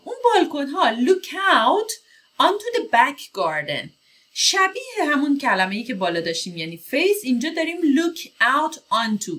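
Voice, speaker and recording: Give me a woman with a Persian accent teaching vocabulary, her voice lively and rising and falling. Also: fairly high pitch. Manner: explains each word, then reads English phrases slowly. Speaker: English teacher. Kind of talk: vocabulary lesson.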